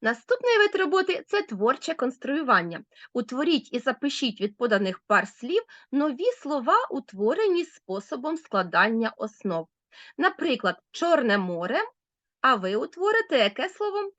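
Lively, emphatic woman teacher. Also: high voice, normal speed, no echo, highs cut off. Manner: clear, emphatic teacher's explanations addressed to the class. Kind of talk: recorded school lesson for children.

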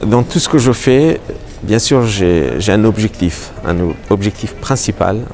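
Middle-aged Afghan man, deep, hesitant interviewee, lapel mic in a gallery with music behind. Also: animated, a little mellow. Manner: halting, many fillers and restarts. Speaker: painter. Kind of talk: on-camera interview. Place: art gallery hall.

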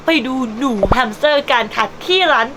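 High-pitched and a little fast, a woman presents a pet shop video in a playful, gushing, cutesy way, flipping between sales talk and baby talk. It's a bubbly pet showcase vlog with a sales pitch, with music laid under her voice and some background noise.

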